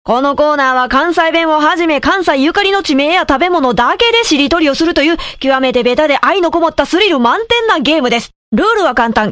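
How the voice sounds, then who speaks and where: A woman playing a brash, joking host who talks in a rough Kansai dialect with quick, teasing banter. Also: high voice, fairly bright tone, no echo, studio quality. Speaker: show host. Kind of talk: comedic radio drama chat.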